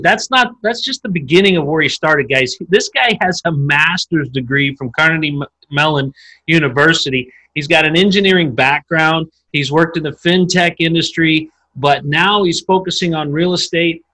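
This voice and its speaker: A man hosting a podcast, his voice bright and forward with a somewhat high pitch. He speaks upbeat and emphatic, leaning into his points in a conversational interview. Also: normal speed, low-quality recording. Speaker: podcast host.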